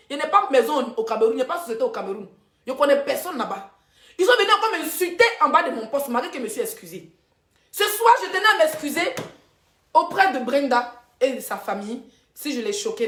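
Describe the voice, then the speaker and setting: Emphatic Ivorian woman livestreaming in an echoey room. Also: high-pitched. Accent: Ivorian French. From Ivory Coast. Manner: emphatic, repeats herself, voice rising and dropping sharply. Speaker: social media livestreamer. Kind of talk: heated livestream monologue.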